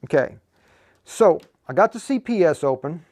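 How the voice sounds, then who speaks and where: In a somewhat high, animated voice with a darkish tone and moderate pace, a man leads a casual livestream tutorial on programming radios. He demonstrates each step while voicing his thoughts.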